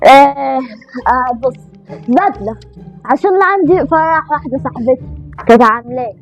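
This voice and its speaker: A performer voicing an excitable, nagging young child who repeats and exclaims insistently in a family comedy sketch. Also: high voice, fairly quick, faint music behind. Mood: eager, demanding.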